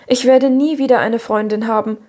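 A dreamy, dramatic orphan girl, put on by a woman reading aloud pours out grand, theatrical phrases in a higher voice. She sounds like a storybook heroine with a big imagination. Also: fairly even intonation, moderate pace, a little mellow, natural voice. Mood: glum.

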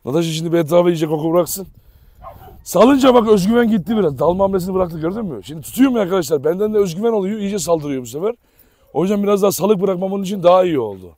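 A man's voice: high-pitched, expressive, rapid-fire, no echo. A man filming on his dog farm, chatting casually to viewers and calling commands to the dogs, with barking behind him. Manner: affectionate, shouts commands at dogs. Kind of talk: casual commentary while handling dogs.

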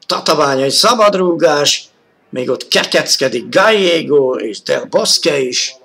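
A man giving live football commentary on an old 1980s television broadcast, excited and rising to shouts at key moments. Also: fairly high pitch, vocal fry.

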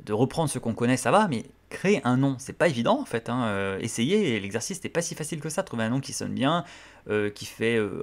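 Man explaining literature, halting. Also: mid-range voice. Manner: halting, full of hesitations. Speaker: literature channel host. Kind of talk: casual explanatory talk.

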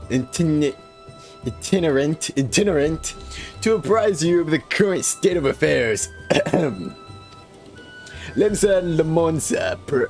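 A man doing a slow, grand-speaking traveler. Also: a little high, darkish tone, pitched above the performer's own voice. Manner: florid, declamatory reading. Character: eloquent, theatrical male traveler. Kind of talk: reading game dialogue aloud in character.

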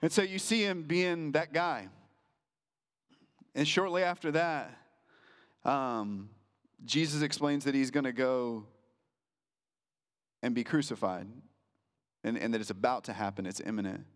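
A man's voice: mid-range voice, measured pace, long pauses, big-room sound. A man preaching as a pastor in a casual, conversational way, full of fillers and restarts. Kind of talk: sermon.

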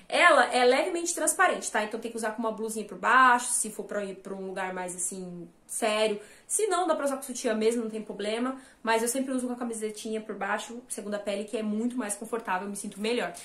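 A woman's voice: on the high side, fast talker, fairly bright tone. Chatty woman showing off clothes. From Brazil. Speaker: fashion vlogger. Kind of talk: casual shopping haul chat. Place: small bright room at home, indoors. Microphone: camera at a short distance, then phone held at a mirror.

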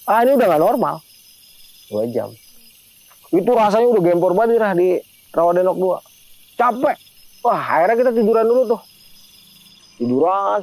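A man tells a spooky mountain story in loose street slang, turning to his listener by name every few phrases. His voice sits a little high but comes through gravelly and mellow. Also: no echo. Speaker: storyteller guest. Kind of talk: casual spoken horror story.

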